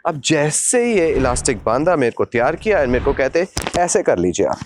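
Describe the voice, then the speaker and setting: Guy telling a wild story on his vlog, lively, acts out every sound, voice sits a bit high. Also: moderate pace, a little hiss or hum. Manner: dramatic, acts out sounds and shouts, mixes English into Hindi. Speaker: vlogger telling a personal story. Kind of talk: animated storytelling.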